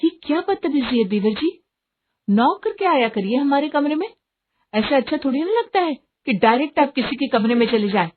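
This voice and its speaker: A woman's voice: a little high, moderate pace, voice pushed up, lightly acted. A woman playing a prim young married sister-in-law who scolds in a sing-song way. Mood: reproachful. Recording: tinny phone-like audio, faint hiss.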